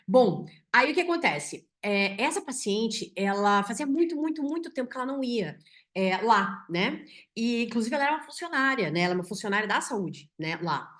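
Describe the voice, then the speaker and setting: A woman doctor with a Brazilian Portuguese accent recounts a clinical case as a story. Her voice sits a little high for a woman. She keeps the telling animated and keeps checking in with "né?". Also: a little fast. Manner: animated, tags sentences with "né?". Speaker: physician teaching symbolic medicine. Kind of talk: storytelling a case to an online audience.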